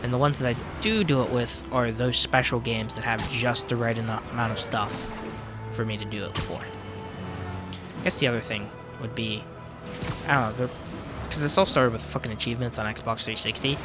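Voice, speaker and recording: A man's voice: medium pitch, normal speed. Man, let's play commentary, swears a lot, offhand and chatty, game music behind. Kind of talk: casual gameplay commentary.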